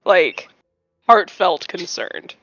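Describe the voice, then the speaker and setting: A woman's voice: on the low side, very animated, extremely slow, a bit bright, highs cut off, faint music behind. A woman playing a tabletop roleplaying game, chatting casually and narrating what her character does.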